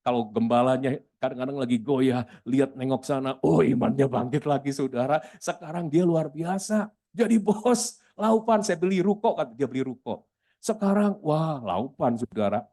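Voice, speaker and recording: A man's voice: mid-range voice, moderate pace. A middle-aged man, a pastor telling stories in a sermon and often addressing the congregation. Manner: lively storyteller, keeps addressing the congregation. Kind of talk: sermon storytelling.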